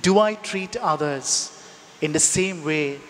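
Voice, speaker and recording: A man in his thirties, a priest, reading and preaching solemnly in measured phrases with a cathedral-like echo. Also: on the high side. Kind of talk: Gospel reading and homily. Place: indoors in a church. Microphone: gooseneck lectern microphone. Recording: echoey church with long reverb.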